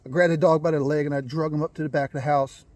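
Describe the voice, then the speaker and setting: A man's voice: fairly high pitch, steady tone, fast, darkish tone. Folksy man telling a yard story. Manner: rambling, folksy, clears throat often. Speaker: gamefowl breeder. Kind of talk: casual storytelling.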